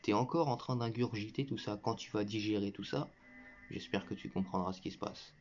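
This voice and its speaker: A man with a fairly low, slightly mellow voice talks a bit quickly in a combative religious commentary aimed at his viewers. He lectures scornfully, speaks straight to the listener, and breaks into mocking laughter. The muffled lo-fi recording has slight background noise.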